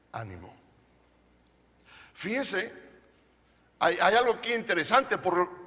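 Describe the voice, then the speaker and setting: During a church service, a male pastor preaches a sermon in a high, ringing, bright voice, never rushing. Playful with his audience, he stresses key words, poses rhetorical questions to the room and works in jokes, all under a long hall reverb.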